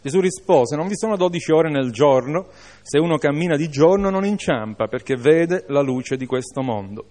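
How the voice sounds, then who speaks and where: A man's voice: fairly high pitch, lively intonation, moderate pace, warm tone. A man preaching a sermon, reading a Bible passage aloud and then exhorting his listeners with informal asides.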